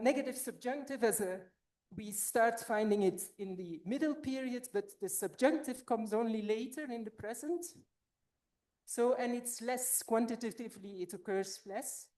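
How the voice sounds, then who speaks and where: A woman's voice: on the high side, normal speed, a little mellow. A woman presenting at an academic conference, a little out of breath and explaining her points as she thinks them through.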